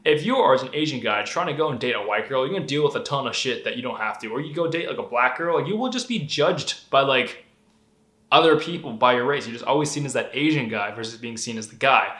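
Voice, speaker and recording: Speaking at a quick pace in a medium-pitched voice, this young Denver-raised man delivers a casual vlog monologue full of profanity. His storytelling is candid and animated, captured in an echoey room.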